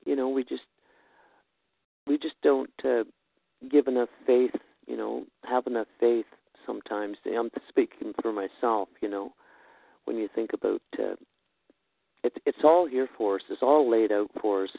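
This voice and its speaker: Gravelly-voiced man on a tinny phone line. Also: mid-range voice, no echo. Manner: halting, earnest, says "eh" and "you know". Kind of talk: casual heartfelt chat about faith.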